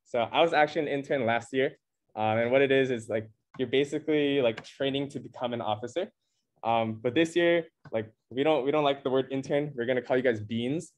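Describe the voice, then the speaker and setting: A young man from California, the club's co-president, presenting at a meeting in a rambling, upbeat way full of fillers. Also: medium pitch. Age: young adult. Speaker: club co-president. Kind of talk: casual club meeting talk.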